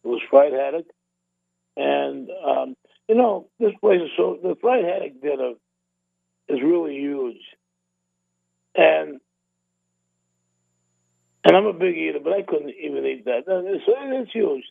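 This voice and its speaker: A radio host from the Boston area with a very gravelly, somewhat high voice. He chats casually and rambles, doubling back on words. The sound is dry and narrow, like a phone line. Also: expressive, a little slow, pauses often, no room sound. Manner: rambling, repeats words and restarts.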